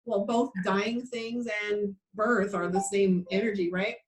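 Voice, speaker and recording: A woman's voice: medium pitch, fairly even intonation, unhurried, a little hiss or hum, poor audio. A woman hosting a casual spiritual chat, speaking emphatically and piling up long strings of words. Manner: emphatic, piles up words in lists. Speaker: host.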